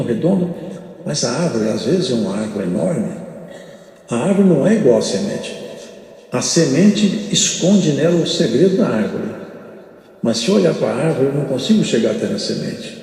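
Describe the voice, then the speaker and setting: An older man with a Brazilian Portuguese accent preaching a sermon, emphatic and repetitive, with sudden rises and drawn-out phrases. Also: mid-range voice, gravelly, darkish tone. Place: large church hall. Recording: echoey church hall with long reverb.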